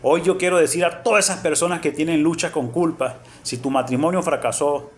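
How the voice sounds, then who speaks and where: A man's voice: fairly high pitch, fairly quick. A man preaching an earnest storytelling sermon, emphatic and fond of repeating his phrases. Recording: faint background music.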